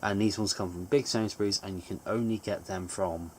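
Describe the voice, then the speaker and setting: A woman's voice: a bass voice, brisk, slight background noise. A woman with a British accent, teasing her co-host in a casual chat at home. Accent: British English. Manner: teasing, blunt, lively.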